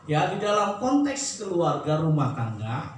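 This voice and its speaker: Male preacher, high voice, jokey sermon with lots of laughs, echoey church hall, faint room noise. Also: big pitch swings, unhurried, far from the mic. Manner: chatty, joking, laughs often, acts out nagging spouses in high voice. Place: church sanctuary.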